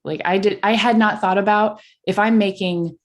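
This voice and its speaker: A woman's voice: medium pitch, fairly even intonation, normal speed. A young adult woman speaking as a podcast guest in candid conversation, blunt and impassioned.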